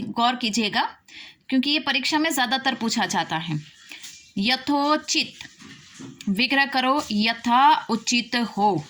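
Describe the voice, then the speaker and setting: A woman's voice: on the high side, a bit bright. A woman teacher explaining grammar to students, repeating key words and checking often whether they understood. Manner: explains slowly, repeating words and asking "did you understand?". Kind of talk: classroom grammar lesson.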